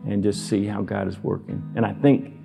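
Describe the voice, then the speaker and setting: A man's voice: lowish voice, level tone, moderate pace, vocal fry, warm tone, soft background music. A man giving an earnest, reflective church talk.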